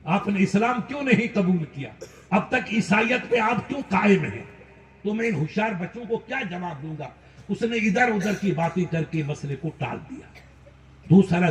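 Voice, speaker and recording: A high-voiced preacher in his fifties from India delivers a fiery sermon, often rising to shouts. He sounds roomy and echoey, recorded from some distance off the mic. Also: lively intonation, moderate pace, slight background noise. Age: 50s. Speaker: Islamic preacher.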